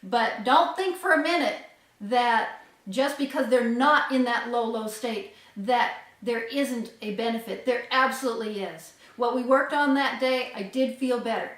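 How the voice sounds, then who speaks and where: A woman's voice: fairly high pitch, unhurried, a bit bright. A woman explaining off the cuff to an audience, emphatic and repeating her points for stress. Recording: echoey room, distant from microphone.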